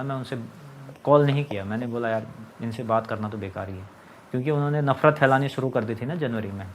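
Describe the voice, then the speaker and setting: A young man tells his own story in a casual monologue, sounding agitated and complaining as he acts out what other people said. His voice is mid-range, with slight background noise.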